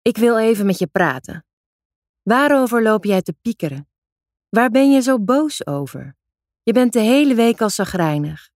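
A woman's voice: a little high, very animated, normal speed, darkish tone, no room sound, clean studio sound. A woman doing a nagging, reproachful mother. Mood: earnest. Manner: reproachful, raised voice. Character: nagging middle-aged mother scolding her teen daughter.

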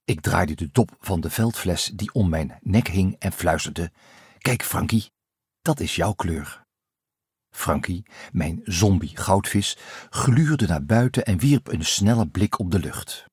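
Deep slow guy reading a kids story out loud, a bit husky, dry close sound. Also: animated, dry recording. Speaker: audiobook narrator. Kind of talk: children's audiobook narration.

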